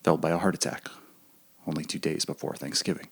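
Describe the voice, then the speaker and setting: A man's voice: very deep voice, steady tone, quick pace, creaky, husky. A man narrating his own documentary in a dry, wry, mock-serious voiceover.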